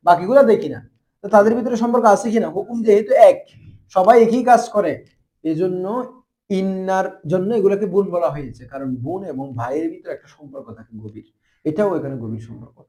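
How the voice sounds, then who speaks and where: A madrasa teacher gives a grammar lesson in class, his high, dark-toned voice moving quickly. He fires rhetorical questions at his students to keep them answering.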